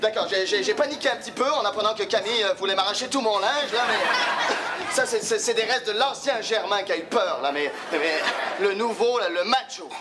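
An actor playing a nervous, deluded, boastful nerd in a television sitcom, stammering and repeating himself with a Quebec French accent. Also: male voice, high voice, brisk, over a noisy crowd, lightly acted. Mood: flustered. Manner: stammering, jittery, repeats words. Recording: loud audience laughter, noisy studio.

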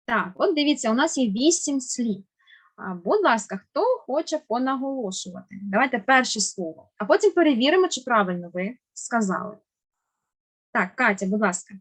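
A woman teacher with a slightly raised pitch takes children through a lesson over a video call. She speaks patiently and warmly encourages each pupil. She lands every stressed syllable slowly and deliberately. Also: lively intonation, breathy edge. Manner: slow, careful stressing of words. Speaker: Ukrainian language teacher. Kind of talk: online language lesson for children.

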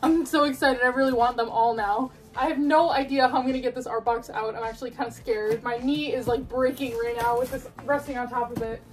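A woman's voice: fairly high pitch, steady tone, brisk, few pauses, recorded from a distance. A young woman casually chatting through an unboxing, gushing and laughing, a bit out of breath as she struggles with the box. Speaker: collectibles unboxing vlogger.

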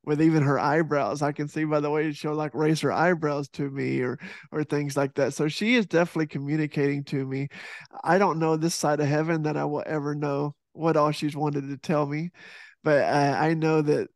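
Earnest man, brighter voice, dry sound. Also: on the high side, fairly even intonation, moderate pace, dry recording. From Texas. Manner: earnest, heartfelt, with many restarts and fillers. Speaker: podcast guest, fitness instructor and author. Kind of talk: casual video-call interview. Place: home room with poster behind. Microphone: headset mic on boom arm over video call.

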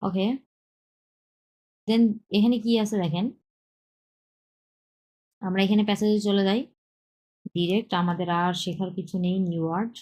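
A woman teaches a beginner Chinese lesson, repeating words slowly and mixing in English terms. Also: mid-range voice, steady tone, darkish tone, rough recording. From Bangladesh. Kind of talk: slow explanatory lesson with drilled pronunciation.

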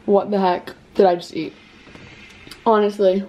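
A woman's voice: medium pitch, little pitch movement, measured pace, mellow. A young woman chatting through a baking tutorial in her home kitchen, bubbly and casual, with lots of "like" and "um". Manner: bubbly, chatty, says "like" and "um" often. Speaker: baking vlogger.

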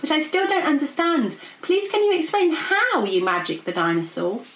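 A woman's voice: high-pitched, big pitch swings, normal speed, fairly bright tone, reverberant, voice pushed up, full character voice. A woman voicing an eager, kindly young princess in a storybook, earnest and emphatic. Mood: curious, kind.

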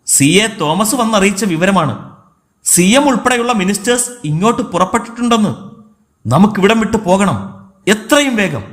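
A man's voice: sits high, animated, moderate pace, fairly bright tone. A man voicing a resolute young woman official who speaks firmly and insistently in an audiobook. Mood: urgent. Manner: firm, insistent.

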